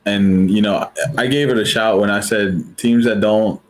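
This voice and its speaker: A man's voice: lowish voice, steady tone, a little slow, rough recording. A man co-hosting a sports podcast, often repeating words as he starts his thoughts. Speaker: podcast co-host. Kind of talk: casual sports chat.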